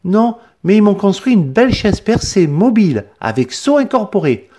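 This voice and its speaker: A man's voice: high voice, very animated, normal speed, mellow, pitched above the performer's own voice. A man voicing a polite, earnest little boy stuck in a chair.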